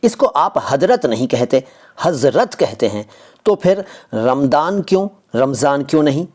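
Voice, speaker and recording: A man's voice: medium pitch, lively intonation, measured pace, darkish tone. Indian man explaining word pronunciation. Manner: argumentative, repeats points with rhetorical questions. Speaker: language teacher.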